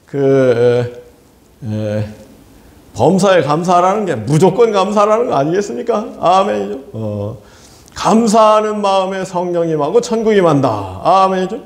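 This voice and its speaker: Male pastor, sermon, animated, laughs often, high lively voice, echoey room. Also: normal speed. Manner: animated, laughing often, asks the congregation for amens.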